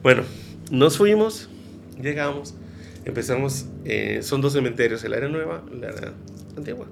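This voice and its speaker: A man with a Mexican accent, a podcast guest, telling stories in an excitable, rambling way. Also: medium pitch, fairly quick, creaky, a little hiss or hum. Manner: excitable, rambling, restarts sentences. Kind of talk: casual chat.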